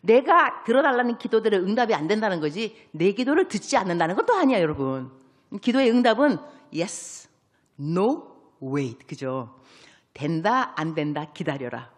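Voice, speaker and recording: A woman missionary preaching an evangelistic sermon, telling Bible stories in a lively way, acting out the dialogue and dropping English words into her talk. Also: medium pitch, normal speed. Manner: sprinkles English words into speech. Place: large church sanctuary. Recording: long reverb of a church hall.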